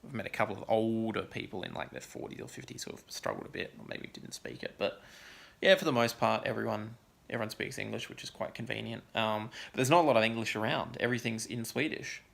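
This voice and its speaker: Casual vlogger, young adult man, deep and heavily creaky, rambling with fillers. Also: expressive, fast talker, fairly bright tone. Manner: rambling, many ums and likes. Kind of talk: casual chat vlog.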